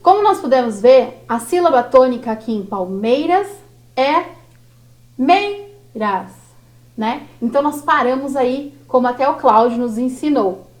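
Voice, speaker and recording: A Brazilian Portuguese-speaking woman teaching a workshop lesson on verse, slow and didactic, drawing out each syllable. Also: high-pitched, lively intonation.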